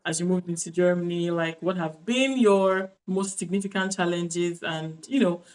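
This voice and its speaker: A woman's voice: on the low side, moderate pace, darkish tone. Upbeat woman host, casual chat, fillers. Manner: chatty, upbeat, many fillers. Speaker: podcast host.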